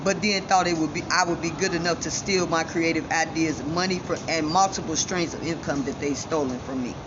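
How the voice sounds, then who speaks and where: A Chicago vlogger speaks to her audience in a low-pitched, fairly quick voice, defiant and sure of herself in a personal monologue. Her missing front teeth shape how she talks, and the dull, lo-fi audio carries loud ambient noise.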